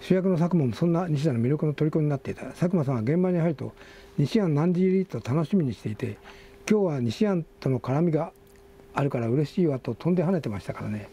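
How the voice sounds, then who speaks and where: A man's voice: on the high side, animated, brisk, mellow, breathy edge. An older man hosting a casual talk show, reading magazine articles aloud with asides and self-corrections. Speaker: magazine editor and host.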